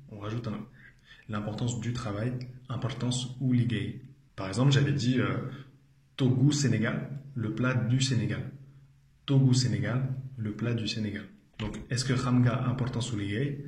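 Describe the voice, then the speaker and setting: A man's voice: fairly low pitch, darkish tone. Guy teaching a language lesson, repeats everything, lots of ums, roomy echo. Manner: patient, repeats each phrase, frequent hesitations. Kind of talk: explanatory video lesson.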